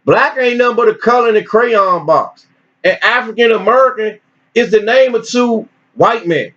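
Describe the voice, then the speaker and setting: Brief: man, fairly high voice, animated preachy teacher, muffled lo-fi recording. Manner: animated, preachy, repeats phrases. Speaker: religious teacher. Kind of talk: informal teaching, reading articles aloud with commentary. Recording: dull lo-fi recording.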